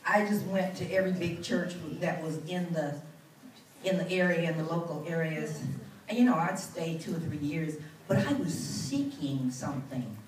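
A woman's voice: low voice, moderate pace, darkish tone, a little hiss or hum. An older woman minister giving a heartfelt testimony at a church pulpit on a handheld mic, earnest and rising into fervent bursts. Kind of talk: testimony speech. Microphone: handheld mic, far camera. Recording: roomy church sound from far off.

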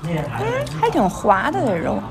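Chatty Tianjin-accented woman, lively pitch. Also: moderate pace, crowd noise. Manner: chatty, commenting on each bite. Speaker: food vlogger. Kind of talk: casual chat over a meal. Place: small busy restaurant, indoors. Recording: clattery, noisy small restaurant.

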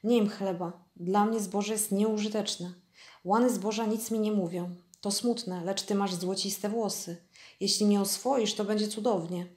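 A lonely, gentle male fox from a storybook speaks slowly and softly, as a woman reads him aloud. The voice sits at a middle pitch. The room gives a noticeable echo. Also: fairly even intonation, lightly acted. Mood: wistful. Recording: echoey room.

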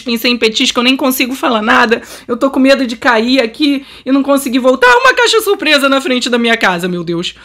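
A young Brazilian woman hosting a game channel reacts to a game update with a high voice and a Brazilian Portuguese accent. She's so thrilled she says she's trembling, gushing and exclaiming nonstop.

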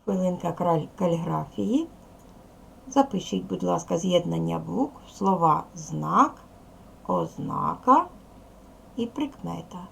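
A woman's voice: on the low side, lively intonation, slow, gravelly, a bit bright, slightly rough. A woman teaching a recorded primary school lesson, patiently asking questions and answering them herself. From Ukraine.

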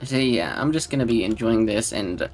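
A man giving casual gameplay commentary in a deadpan tone that can sound sarcastic, with keyboard clicks behind him. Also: on the low side, moderate pace, soft background music. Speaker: gaming channel host.

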